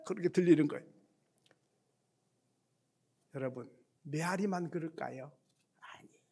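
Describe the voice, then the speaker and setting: A man's voice: on the high side, brisk, creaky, dark tone, slightly rough. A man preaching a sermon, telling a story and acting out its voices. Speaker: pastor.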